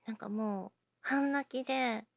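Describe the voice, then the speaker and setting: A woman chatting casually to her listeners, self-deprecating, often dropping into breathy near-whispers while she talks through an injured shoulder. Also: a little high, unhurried, no echo, clean studio sound. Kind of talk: casual personal talk to listeners.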